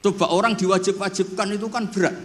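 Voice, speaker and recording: A man, giving a humorous religious lecture with relaxed storytelling and jokes before an audience. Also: sits high, fast talker, big-room sound. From Indonesia. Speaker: Islamic preacher.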